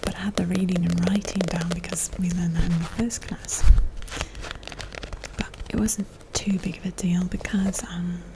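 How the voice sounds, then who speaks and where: American lady whispering asmr, rambly casual chat, lowish pitch, noisy recording with clicks. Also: level tone. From United States. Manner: soft, unvoiced whispering; rambling, halting, searching for words. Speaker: ASMR creator and host.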